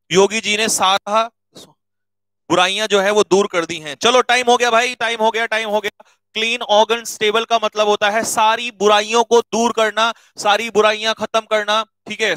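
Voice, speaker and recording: A man teaching exam vocabulary, brisk and coaxing, repeating words so students can note them down. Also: high-pitched, pushed and bright, dry recording, poor audio. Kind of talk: exam-prep video lesson.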